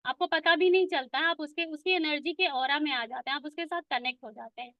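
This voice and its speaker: A woman's voice: high voice, fairly quick, no room sound, lo-fi sound. A woman giving a conversational spiritual talk, explaining ideas patiently and mixing English words into her speech. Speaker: spiritual speaker.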